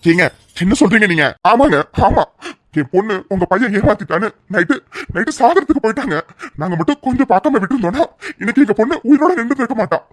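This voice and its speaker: A woman's voice: fairly high pitch, animated, fast, no room sound, studio quality. A woman voicing an earnest mother who begs another family on her daughter's behalf. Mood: distressed. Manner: pleading, earnest. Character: pleading mother of a young woman.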